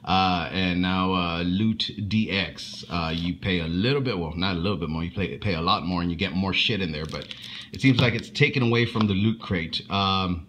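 A man doing casual unboxing commentary in a rambling, halting way, swearing freely as he goes. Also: sits low, a bit bright, slight background noise. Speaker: unboxing vlogger.

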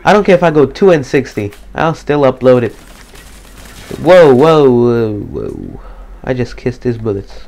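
A man giving casual live gameplay commentary, slightly depressed and monotone, swearing casually. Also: medium pitch, unhurried, vocal fry. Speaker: gaming commentator.

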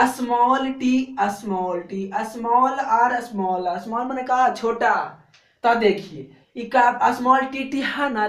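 A man's voice: very high-pitched, fairly bright tone. Bihari-accented man drilling biology answers. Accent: Bihari Hindi. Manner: drills answers by repeating them in a chant; colloquial and coaxing, keeps checking "theek hai na". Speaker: biology teacher. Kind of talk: exam-prep lecture. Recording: echoey room.

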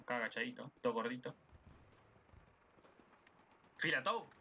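A young man with an Argentine accent giving casual, excitable gameplay commentary, swearing and shouting at the game. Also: medium pitch, moderate pace, slightly rough, dull audio. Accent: Argentine Spanish. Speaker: gaming YouTuber. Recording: noisy game audio with gunfire behind.

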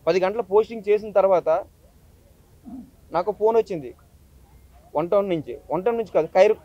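A man's voice: high voice, brisk, dark tone, no echo, lo-fi sound. A YouTuber man, telling his story to a press meet in an urgent, impassioned way. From Visakhapatnam, India. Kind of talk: emotional press statement.

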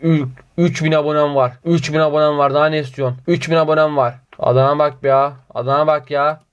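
A man's voice: fairly high pitch, fairly even intonation, brisk, clear, resonant tone. A man reads viewer comments aloud in a casual vlog, answering them with mock outrage and sarcastic teasing. He mutters the same filler phrases over and over in a sing-song way between comments. The audio is slightly dull and lo-fi. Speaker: YouTuber reading viewer comments.

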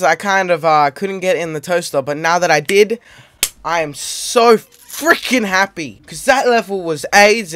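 A man giving excitable let's-play commentary as host of his gaming channel, yelping and shouting at every mishap. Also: on the high side, no echo.

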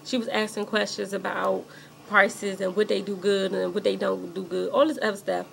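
Sitting at home doing her makeup, a beauty vlogger talks straight to viewers in a loose, rambling storytime full of "like." She is young, with a creaky, medium-pitched voice at normal speed, gets animated when indignant, and there's slight background noise.

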